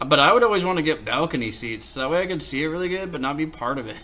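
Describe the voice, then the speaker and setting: A man's voice: fairly high pitch, expressive, rapid-fire, pushed and bright. A man chatting casually and giving rambling, slangy off-the-cuff commentary as a co-host. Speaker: co-host of a wrestling watch-along.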